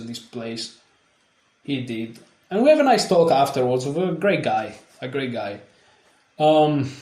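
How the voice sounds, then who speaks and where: A man's voice: medium pitch, darkish tone. A man talking casually to his viewers about his chess tournament, chatty and self-deprecating, sounding worn out. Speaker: chess vlogger. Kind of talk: casual vlog commentary.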